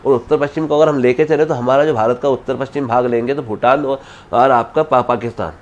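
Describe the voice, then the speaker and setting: A man's voice: medium pitch, steady tone, quick pace, highs cut off. A man speaking as an astrologer guest in an interview, explaining at length with many restarts and cut-off words. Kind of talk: unscripted interview answers.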